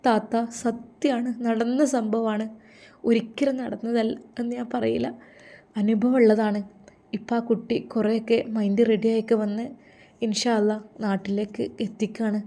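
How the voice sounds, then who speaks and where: Woman voicing a slow, confiding village auntie. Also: a little high, flat delivery, mellow, lightly acted.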